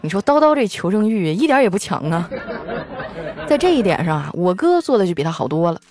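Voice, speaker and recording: Animated woman telling comic stories. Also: mid-range voice, fast talker, a crowd in the background. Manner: animated storytelling, acting out quoted lines in raised voices. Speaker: comedy radio host. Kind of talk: scripted comic monologue.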